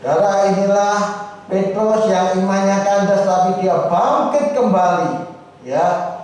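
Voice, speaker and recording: A man preaching a sermon as pastor, slow and emphatic, rising high and then dropping low. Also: a little mellow. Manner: slow, emphatic preaching with sudden rises and drops in pitch. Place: church hall. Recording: echoey hall heard from a distance.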